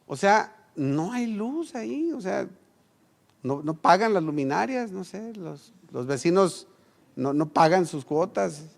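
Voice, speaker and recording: A man's voice: high voice, sing-song, slow, vocal fry. A middle-aged man with a Mexican Spanish accent preaching a sermon, telling a personal story and acting out voices in quotes. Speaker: pastor.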